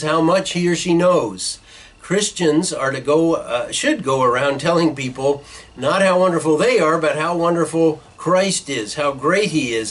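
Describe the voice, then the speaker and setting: A man's voice: on the high side, fairly bright tone, slightly rough, low-quality recording. A middle-aged man preaching a sermon from a small office, teaching earnestly with hand gestures and some fillers, recorded by a desk webcam. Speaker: pastor. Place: small church office with bookshelves, indoors.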